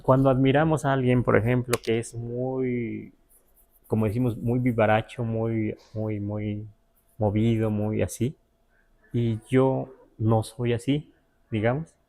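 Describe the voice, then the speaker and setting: A man with a Mexican Spanish accent teaching a language class, halting with many fillers and spelling words out syllable by syllable. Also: mid-range voice, little pitch movement, darkish tone. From Huasteca, Mexico. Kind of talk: live class explanation.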